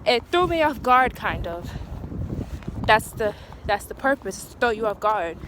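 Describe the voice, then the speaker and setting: A woman's voice: fairly high pitch, big pitch swings, measured pace. A young woman talking candidly to her phone while walking outdoors, a little out of breath, chatty and laughing now and then. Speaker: vlogger. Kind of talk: casual walking vlog. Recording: faint street noise.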